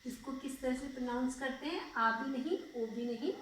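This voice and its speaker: A woman's voice: sits high, normal speed, fairly bright tone, a little hiss or hum. A young woman teaching a school grammar lesson, patiently repeating words and asking checking questions. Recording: very echoey room, voice far off.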